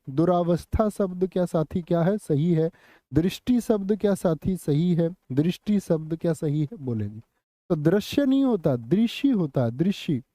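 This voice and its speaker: High-voiced man drilling students fast. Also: warm tone, no room sound. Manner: rapid, drilling questions to students. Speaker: teacher. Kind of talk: online exam coaching lesson. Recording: slightly muffled lo-fi audio.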